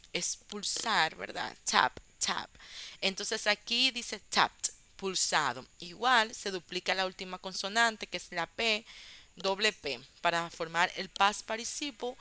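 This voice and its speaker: A woman teaches an English grammar lesson. She speaks slowly, in a patient step-by-step way, and pads her explanations with small fillers. Her voice is bright and smooth. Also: medium pitch.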